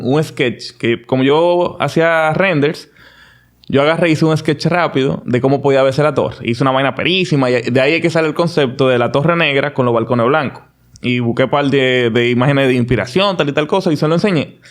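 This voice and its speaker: A male podcast guest recounts his story with casual confidence and plenty of animation. He keeps restarting his sentences, and his pitch is medium.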